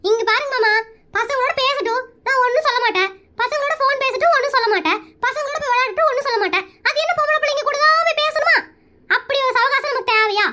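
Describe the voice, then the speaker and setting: A woman's voice: extremely high pitch, quick pace, bright, forceful tone. A woman voicing a strict, bossy village mother and wife in a cartoon comedy, scolding in a rural Tamil Nadu accent. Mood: stern.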